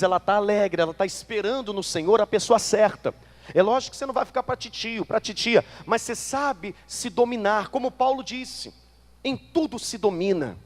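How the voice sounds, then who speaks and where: High-pitched animated preaching pastor. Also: male voice, long reverb tail. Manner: animated preaching, rhetorical questions, acting out excuses of churchgoers. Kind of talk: sermon. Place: church.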